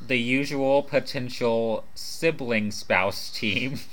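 Slow-talking man with a numb mouth. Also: mid-range voice, fairly bright tone, poor audio. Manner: informal, swearing. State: mouth half numb from the dentist. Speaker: podcast co-host. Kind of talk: casual podcast chat.

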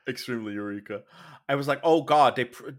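In a fast, medium-pitched voice, this man co-hosts a recap podcast on a drag competition show, keeping the chat casual, comedic, campy and sassy, full of exclamations and free swearing.

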